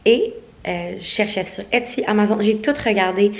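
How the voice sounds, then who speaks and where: A woman's voice: medium pitch, normal speed, creaky. A young woman with a Québécois French accent, vlogging casually and mixing in English words. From Quebec. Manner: chatty, mixes in English words. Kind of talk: casual vlog.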